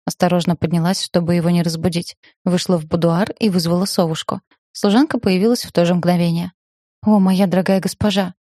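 Mellow woman narrating a novel. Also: lowish voice, steady tone, fast, dry recording, studio quality. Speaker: audiobook narrator. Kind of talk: scripted first-person novel narration.

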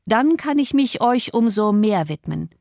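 A woman's voice: on the high side, animated, measured pace, creaky, a little mellow, no echo, clean studio sound, voice pushed up. A woman reading the part of a harsh, sneering young man who rules the house. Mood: blustering. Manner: blustering, sneering.

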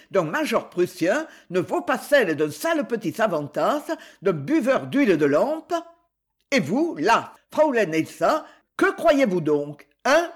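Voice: mid-range voice, slightly rough. A reader voicing a hulking, blustering Prussian major who protests indignantly in an audiobook.

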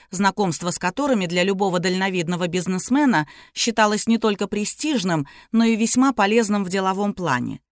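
A woman reading an audiobook in measured, even narration. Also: medium pitch, no echo, studio quality. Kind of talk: scripted narration.

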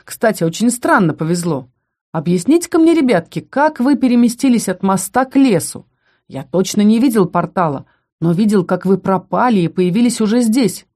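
Woman doing a sneering rough young fighter. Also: mid-range voice, lively intonation, moderate pace, pitched above the performer's own voice, close to an everyday voice. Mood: suspicious. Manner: loud, sneering, barking. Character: brash young male combat student, mocking and rough.

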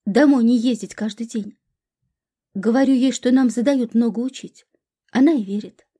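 A woman's voice: fairly high pitch, moderate pace, warm tone, husky. A woman voicing a carefree young female student who coaxes and pleads with her friend. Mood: coaxing. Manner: pleading, playful, coaxing.

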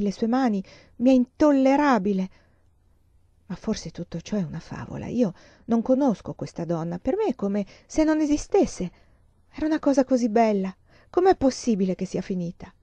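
Female reader doing a jilted young woman, pleading and broken, mellow voice, dry slightly dull recording. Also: fairly high pitch, expressive, moderate pace, no room sound. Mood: brooding.

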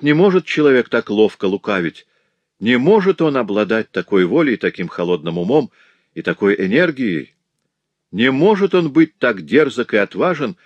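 Guy doing a shrill scheming creole woman, high and pushy, audiobook. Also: no room sound, lo-fi sound. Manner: shrill, theatrically passionate.

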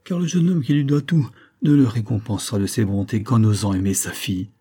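A man's voice: fairly low pitch, a little fast, mellow, slightly rough. A man voicing a shy, lovesick young schoolmaster in an audiobook, pouring out his feelings. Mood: passionate. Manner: passionate, trembling.

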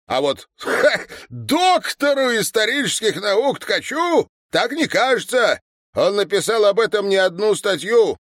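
A man voicing a furious old male war veteran who shouts indignantly and keeps repeating his words. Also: high voice, sing-song, a little slow, dry recording, clean studio sound, pitched above the performer's own voice, exaggerated voice. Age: older.

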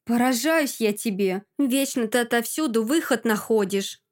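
A woman's voice: moderate pace, close to an everyday voice. A woman voicing an envious, spiteful young woman who hisses and mocks her friend. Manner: hissing, shrill, mocking.

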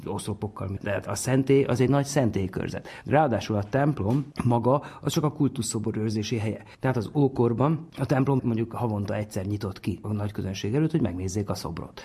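A man with a lowish, dark and husky voice gives an informal, explanatory talk as an expert on classical antiquity, the ancient world. He speaks conversationally, stressing key words.

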